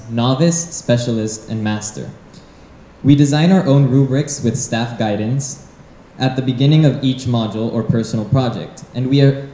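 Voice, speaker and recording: A young man reads his presentation from a phone into a handheld mic, in a measured way. His voice is mellow. The echo of a dim event hall surrounds him, with a faint hum behind. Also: medium pitch. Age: young adult. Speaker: student presenter. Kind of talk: reading a presentation.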